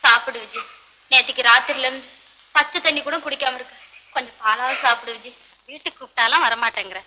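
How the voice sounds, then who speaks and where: A caring friend, bright high voice, gentle urging. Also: female voice, fast talker, rough recording. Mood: coaxing. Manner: coaxing, gentle. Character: gentle woman coaxing a grieving friend. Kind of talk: 1940s film acting.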